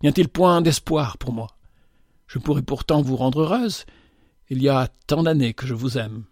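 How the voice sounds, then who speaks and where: A man's voice: medium pitch, lively intonation, moderate pace, a little mellow, dry recording, studio quality, lightly acted. A man reading a novel aloud, voicing a nervous, earnest young man pleading his love in his own near-natural voice. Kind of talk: audiobook dialogue reading.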